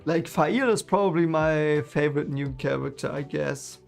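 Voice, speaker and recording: With faint music in the background, this German-accented streamer, whose first language is German, rambles casually to his live chat about the book he's reading from a series. His somewhat high voice has vocal fry and moves at a moderate pace, broken up by fillers and restarts.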